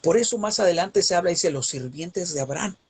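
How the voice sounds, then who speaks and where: A man with a slightly husky, fairly high voice delivers a Bible teaching. He preaches emphatically, pressing his points with rhetorical questions and rising cadences. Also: animated, a little fast.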